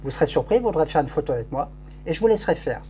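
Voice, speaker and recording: A man's voice: fairly high pitch, animated, racing, warm tone. A man working as a hypnotist in a live show, giving repetitive, commanding suggestions punctuated by shushing. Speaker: stage hypnotist. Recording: noisy live recording with hum.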